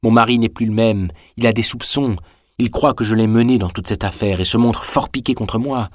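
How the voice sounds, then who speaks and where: A man's voice: on the low side, fairly even intonation, brisk, no echo, clean studio sound, natural voice. A man reading aloud, voicing a young woman torn between love and shame, with a tearful, pleading delivery. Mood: anxious.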